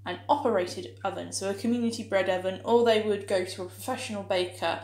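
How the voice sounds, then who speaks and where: A young woman, a home cooking vlogger, chats casually through a baking demonstration in her small home kitchen, upbeat and playful, with plenty of filler ums and little history asides. Her medium-pitched, darkish voice is fairly even and a little fast. A camera mic on the counter picks her up as she moves around, with echoey kitchen room sound.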